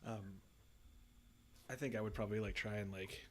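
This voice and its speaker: A man's voice: fairly low pitch, steady tone, moderate pace. A man player in a tabletop game, asking questions tentatively with many restarts. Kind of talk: casual tabletop play.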